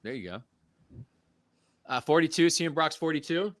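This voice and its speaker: A man's voice: fairly high pitch, animated, moderate pace, no echo, studio quality. A man in his forties hosting a casual collectibles podcast live stream, joking around and reading viewer comments aloud. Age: 40s. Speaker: podcast host.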